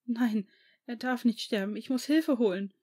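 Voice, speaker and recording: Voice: mid-range voice, expressive, normal speed, dark tone, natural voice. A reader voicing a desperate, loyal young man in a fan audiobook, pleading and sobbing. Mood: desperate, crying out.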